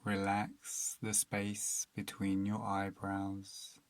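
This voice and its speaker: With a low voice and no echo, a man narrates a guided meditation calmly and soothingly, taking his time and leaving long pauses between phrases.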